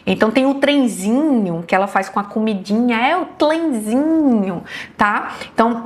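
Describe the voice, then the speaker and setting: A woman who speaks with a Brazilian Portuguese accent gives an online health lecture as a neurologist, her voice on the high side. She explains things patiently and checks in with her listeners often.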